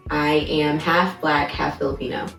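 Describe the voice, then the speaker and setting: A woman in her twenties from Baltimore, giving a measured, reflective personal account to camera. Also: low voice, little pitch movement, vocal fry, recorded from a distance. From Baltimore, Maryland. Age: 20s. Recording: echoey room, voice from off-mic, soft music behind.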